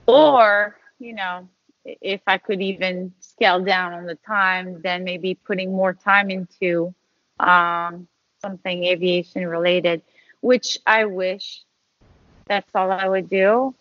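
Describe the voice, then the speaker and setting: A woman's voice: lowish voice, slow, dry recording. A woman from Canada, a pilot guest on a podcast, chatting casually with lots of fillers and restarts. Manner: relaxed, rambling, with fillers and restarts. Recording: dull lo-fi audio.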